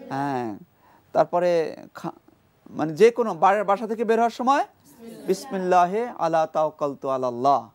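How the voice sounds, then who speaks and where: Patient Quran recitation teacher drilling syllables. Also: medium pitch. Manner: drills sounds by repeating syllables slowly and emphatically; explains where the tongue and throat make each sound. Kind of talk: televised call-and-response recitation class.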